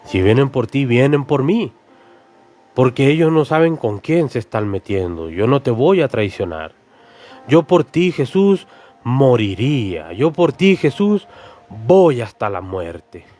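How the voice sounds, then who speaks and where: A man's voice: mid-range voice, very animated, unhurried, mellow. A man preacher voicing an impulsive, loyal male disciple who insists earnestly and keeps pleading with his friend by name. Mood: boastful. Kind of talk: sermon storytelling with acted voices.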